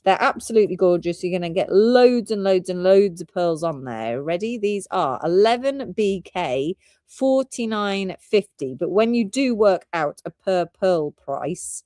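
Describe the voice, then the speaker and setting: British female host for live shopping, rambling and giggly, lowish voice, dry close sound. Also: animated, measured pace, darkish tone, no echo. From Britain. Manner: chatty, giggly, rambling product talk.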